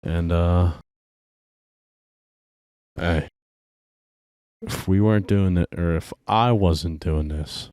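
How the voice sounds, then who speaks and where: Hosting his own music show alone, a young man who is tired and drinking talks in a profane, laid-back, rambling way. He speaks slowly with long pauses, his low voice dark, clear and resonant, captured in a dry, studio-quality recording.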